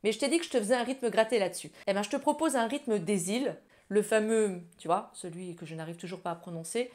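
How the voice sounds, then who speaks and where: A woman with a mid-range voice gives a casual ukulele tutorial on children's songs, talking fast over soft background music as the ukulele plays loud under her voice. Chatty, she addresses the viewer as "tu," walks through strumming patterns, and sings lyrics while strumming.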